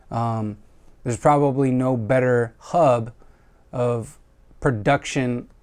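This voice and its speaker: A man's voice: medium pitch, darkish tone. An American man giving a casual, reflective review of a dance track, talking loosely with frequent fillers and the odd swear word. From United States. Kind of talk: casual music review monologue.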